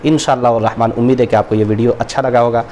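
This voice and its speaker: A man teaching a recorded lesson on reading Quranic letters, who stretches out each letter name slowly and then explains at a quick, conversational pace. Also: medium pitch, fairly even intonation, dark tone, a little hiss or hum. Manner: slow drawn-out letter names between quick explanations.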